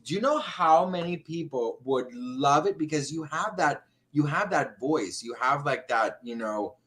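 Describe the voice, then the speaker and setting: A man hosts a casual livestream chat, effusive and gushing as he calls his guests honey and girl. His voice is a little high and fairly bright, animated but a little slow.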